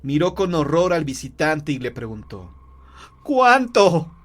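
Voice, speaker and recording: Male horror narrator, measured, grave delivery, somewhat high voice. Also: animated. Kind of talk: dramatic storytelling narration.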